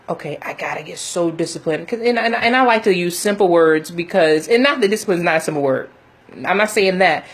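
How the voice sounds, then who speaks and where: A woman with a medium-pitched voice speaks casually as a motivational coach on a livestream. She is chatty and emphatic, talking directly to her listeners and often checking that they follow. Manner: chatty, emphatic, laughs often, punctuates with "okay?" and "you know".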